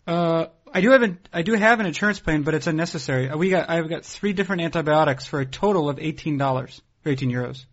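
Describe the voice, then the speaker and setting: Guy hosting a podcast, dry and halting, bit higher voice, dull call sound. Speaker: podcast host. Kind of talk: casual podcast chat.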